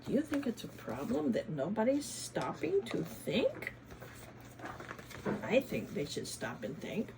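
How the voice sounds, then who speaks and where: A woman leads a children's read-aloud like a questioning teacher, her pitch ranging widely while she speaks slowly with some creak in her voice. She blends expressive story reading with chatty asides, and the background is noisy.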